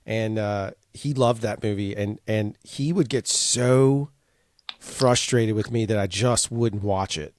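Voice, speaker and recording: A man co-hosting a podcast in casual chat, halting and self-deprecating, often laughing. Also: mid-range voice, no echo, clean studio sound. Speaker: podcast co-host.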